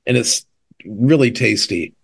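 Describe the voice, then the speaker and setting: Male co-host, mid-pitch, chatty and rambling, casual TV recap talk. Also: measured pace, vocal fry, slightly rough. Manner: rambling, lots of fillers, animated retelling. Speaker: podcast co-host. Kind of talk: casual chat about TV shows.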